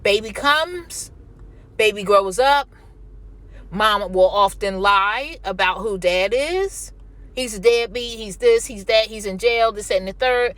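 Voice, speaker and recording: A woman's voice: medium pitch, a little slow, fairly bright tone. A woman with an American accent chatting casually and candidly, telling personal stories and giving emphatic relationship advice straight to her listeners. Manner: conversational, emphatic, addressing listeners directly.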